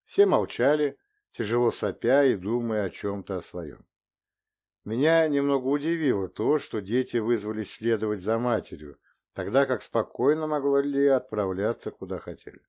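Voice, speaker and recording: A man narrating a detective novel in the first person with steady, even storytelling. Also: mid-range voice, moderate pace. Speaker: audiobook reader. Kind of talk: scripted narration.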